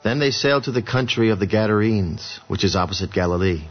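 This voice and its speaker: A man narrating scripture in a steady, even storytelling way. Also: lowish voice, quick pace. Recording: dull lo-fi audio with music behind.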